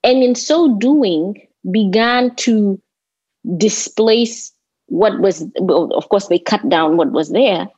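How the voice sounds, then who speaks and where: A slow, husky, darkish medium-pitched voice carries this Kenyan-accented woman's thoughtful interview answers, often emphasized through repetition. She's a landscape designer who grew up in Nairobi, heard in roomy, slightly dull lo-fi audio.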